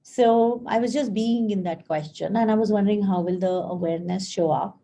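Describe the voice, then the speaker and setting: Mellow-voiced chatty woman life coach. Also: medium pitch, a little fast. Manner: chatty storyteller, acts out quoted dialogue; frequent fillers and restarts, friendly address to viewers. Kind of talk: live-streamed casual talk.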